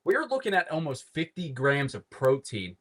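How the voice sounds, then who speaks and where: His pitch swoops wildly as this cooking livestream host, a Pittsburgh-accented man, rambles through a casual demo from his home kitchen and swears offhand. The voice is a little high and a bit bright, at a moderate pace.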